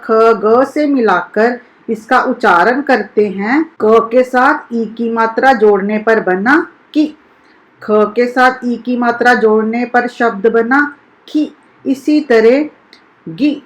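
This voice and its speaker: A woman teacher leads a recorded lesson for young pupils. Her voice sits a little high, and she talks at an unhurried pace. She breaks words into single syllables and says each one clearly and deliberately. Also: rough recording. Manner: slow, deliberate, sounds out each syllable for children. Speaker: school teacher. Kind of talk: recorded primary-school Hindi lesson.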